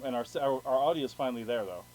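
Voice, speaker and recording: A man hosts a casual live podcast, chatting bluntly and matter-of-factly in an expressive, racing, darkish voice of medium pitch. The audio is poor, full of hiss and static.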